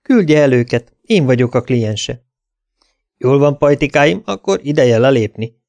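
A man's voice: mid-range voice, expressive, vocal fry, darkish tone, lo-fi sound. A man reading an audiobook, voicing a cool, alluring woman who is Death personified, speaking in a self-assured way. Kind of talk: audiobook character voice.

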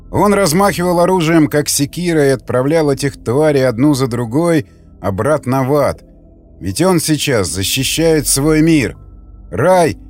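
A man narrating a grim post-apocalyptic audiobook in a steady, measured way, with faint music behind. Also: medium pitch.

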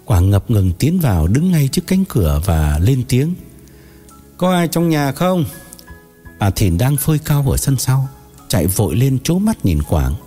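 Expressive male audiobook narrator. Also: medium pitch, moderate pace, slightly rough, soft background music. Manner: expressive, dramatic storytelling.

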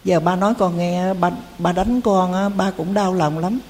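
A man's voice: high voice, fairly even intonation, a little slow, a little mellow, in a large hall. A Buddhist teacher doing a stern father. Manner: firm, lecturing, repeated questions. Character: stern father punishing his stubborn son.

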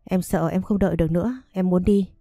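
A woman voicing a sick young girl who pleads softly and gently. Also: lowish voice, steady tone, fairly quick, no room sound, clean studio sound, faint music behind, natural voice. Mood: wistful.

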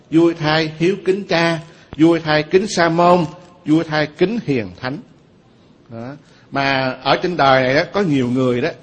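A man's voice: on the high side, breathy edge. A man with a Southern Vietnamese accent, a Buddhist monk giving a sermon, telling stories and often asking the audience questions.

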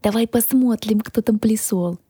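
A woman voicing a small, fussy, excitable male dragon who keeps house, with a lisp that turns r into l. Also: breathy edge, no room sound, studio quality. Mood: curious. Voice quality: lisps, turning r into l. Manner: high, squealing and drawn-out. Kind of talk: audiobook character voice.

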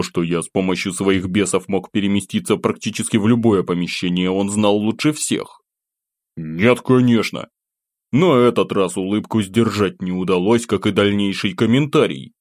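A man with a low, deep voice narrating a first-person audiobook. His delivery is calm and wry, and the close, dry recording has no room sound. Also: normal speed, no room sound.

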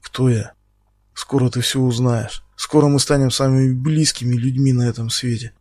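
A man voicing a menacing male captor who speaks slowly and quietly, taunting his victim. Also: medium pitch, steady tone, dry recording, clean studio sound, close to an everyday voice. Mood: quiet menace. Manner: slow, quiet, taunting, bursts into shouting.

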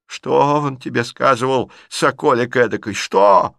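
A man voicing a sharp-tongued, blunt elderly aunt who scolds her niece in an audiobook reading. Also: medium pitch, a little slow, creaky, dry recording, studio quality, voice pushed up. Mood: indignant.

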